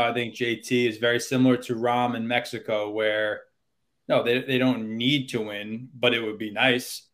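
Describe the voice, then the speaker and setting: A man's voice: mid-range voice, fairly bright tone. A man with a middle-range voice hosts a casual golf betting podcast. He chats easily, throws in light wordplay and keeps putting questions to his co-hosts. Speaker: podcast host. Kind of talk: casual sports betting chat.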